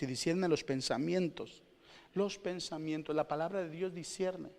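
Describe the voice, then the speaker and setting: Preaching man in an echoing church. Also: mid-range voice. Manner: lively, conversational preaching with rhetorical questions; swings from loud exclamations to hushed asides. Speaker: pastor. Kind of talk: sermon. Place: church hall. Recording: long church-hall reverb.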